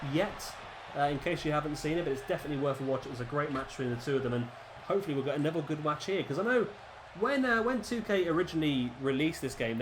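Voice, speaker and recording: There's background noise behind this fairly high-pitched gaming commentator, who sounds congested from a cold. His casual commentary on the game is rambling and chatty, full of restarts.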